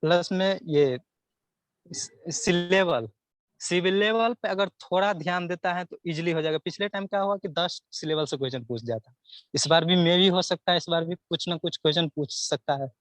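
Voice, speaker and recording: This young man's high, fairly bright voice moves at a moderate pace on a dry recording. As a student guest answering casual interview questions, he gives sincere advice and keeps repeating himself while listing topics.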